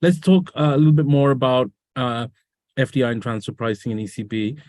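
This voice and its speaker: A man runs a conversational business webinar interview over video call, asking guests questions and pursuing curious follow-ups. He speaks briskly in a mid-range, slightly mellow voice, and the studio sound is clean with no echo.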